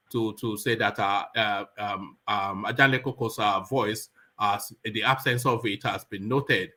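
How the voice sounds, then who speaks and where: Bright, forceful man hosting a livestream. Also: mid-range voice. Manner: halting, repeats words. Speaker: livestream host and moderator. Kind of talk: casual live political talk show.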